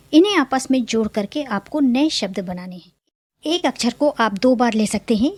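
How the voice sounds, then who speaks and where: A young adult woman teacher explaining a children's lesson, drawing out each syllable slowly. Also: on the high side, darkish tone, no echo. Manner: slow, drawn-out syllables for young learners.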